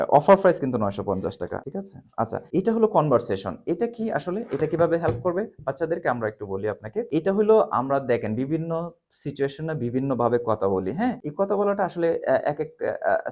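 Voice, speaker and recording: A man whose first language is Bengali, walking through children's grammar books in a casual sales pitch and checking in often with the listener. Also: a little mellow. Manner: chatty, keeps asking "right?" with a rising lift. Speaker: seller presenting children's English books. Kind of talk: casual product walkthrough.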